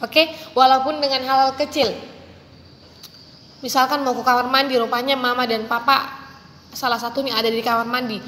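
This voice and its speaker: A woman teacher with a high, bright voice talks young pupils through a lesson, coaxing and gentle, calling them dear. She sometimes acts out a child's requests in a squeaky voice. Her voice rings with a long hall reverb over faint room noise. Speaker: primary school teacher.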